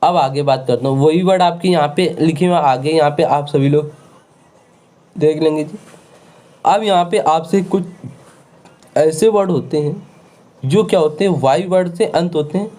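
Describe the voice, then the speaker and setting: Guy teaching grammar online, repeats stuff a lot, kinda high but mellow voice. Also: normal speed, long pauses. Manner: repetitive, drilling words over and over; checks in with rhetorical questions.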